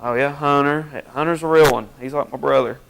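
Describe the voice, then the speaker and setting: A man's voice: on the high side, steady tone, a little fast, gravelly, smooth, rough recording. A young adult man chatting casually as a guest on a talk show, rambling easily from one point to the next. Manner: chatty, rambling shout-outs. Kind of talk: casual chat.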